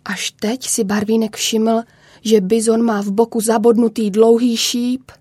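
A woman narrating a children's story in a calm, measured way. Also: on the high side, breathy edge, dry recording.

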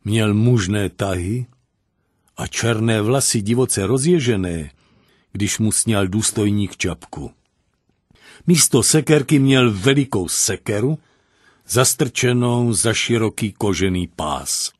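A man narrates a story in a low voice, reading in an expressive storybook style. His pitch moves in lively rises and falls. The sound is dry and close, with no room around it. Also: no echo. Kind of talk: scripted narration.

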